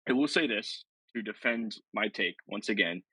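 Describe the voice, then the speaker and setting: Husky, low-voiced man, opinionated podcast co-host, dry close sound. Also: lively intonation, normal speed, bright, forceful tone, no room sound, rough recording. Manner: opinionated, argues at length. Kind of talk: casual sports chat.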